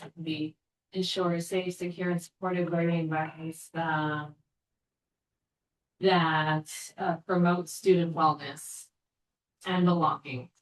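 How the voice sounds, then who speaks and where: A woman board member making an earnest proposal, pausing with fillers as she thinks. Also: on the low side. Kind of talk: board meeting discussion. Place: board meeting room. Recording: echoey room, distant mic.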